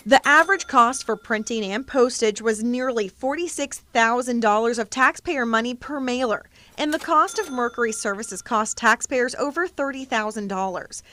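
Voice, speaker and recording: A woman's voice: on the high side, normal speed, hardly any pauses, sharp tone. An American woman reporter narrating a scripted investigative news exposé for television.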